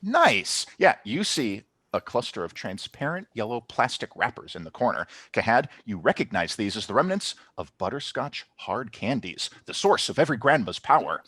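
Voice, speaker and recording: A man running a tabletop game as game master over a video call, narrating with lively storytelling and calling for checks. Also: mid-range voice, normal speed, few pauses, husky, no echo. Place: home.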